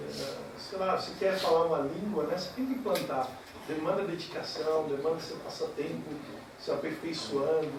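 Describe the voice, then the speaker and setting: A man preaching and reading scripture aloud, teaching with hesitant fillers. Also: fairly high pitch. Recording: echoey hall, distant mic, noisy.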